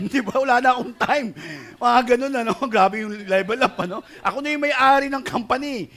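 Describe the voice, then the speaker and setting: A male pastor preaching a sermon, mixing Tagalog with English and often asking the congregation "right?" as he swings between loud and soft delivery. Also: very high voice, moderate pace. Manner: mixes Tagalog and English, keeps asking the crowd "di ba?" and "tama?".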